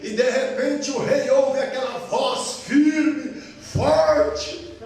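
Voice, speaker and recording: A Brazilian man preaching a sermon as pastor, telling a story dramatically and rising to shouted proclamations. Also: very high voice, fairly even intonation, extremely slow. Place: church hall. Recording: echoey church hall, mic far off.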